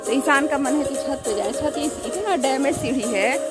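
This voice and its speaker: A woman's voice: high voice, normal speed, loud music behind the voice. A middle-aged woman from Bihar with a Bihari Hindi accent, vlogging on a walk through an old village school while guiding her son. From Bihar, India. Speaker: vlogger and mother. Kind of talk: casual walking vlog. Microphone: phone held at arm's length.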